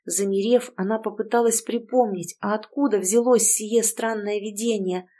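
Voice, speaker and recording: Audiobook narrator, woman, mid-pitched, steady measured delivery.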